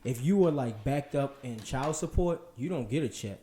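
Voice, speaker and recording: A man's voice: mid-range voice, animated, moderate pace, reverberant, a little hiss or hum. A man co-hosting a casual podcast, talking earnestly in long rambling turns. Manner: earnest, rambling, many restarts, trails off quietly. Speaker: co-host.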